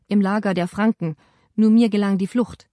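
A woman's voice: mid-range voice, steady tone, moderate pace, warm tone, no room sound, clean studio sound, lightly acted. A woman voicing a defiant, hot-headed Roman envoy in his thirties, in an audiobook. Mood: urgent. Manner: urgent, defensive.

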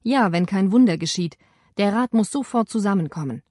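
A woman's voice: medium pitch, expressive, fairly quick, darkish tone, no room sound, studio quality, close to an everyday voice. A woman voicing a defiant, hot-headed Roman envoy in his thirties, in an audiobook. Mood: urgent. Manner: urgent, defensive.

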